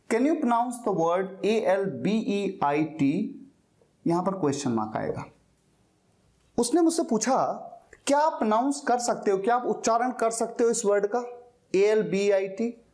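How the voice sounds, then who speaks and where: A man teaching an English lesson, explaining step by step and slowly repeating key words. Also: high voice, darkish tone.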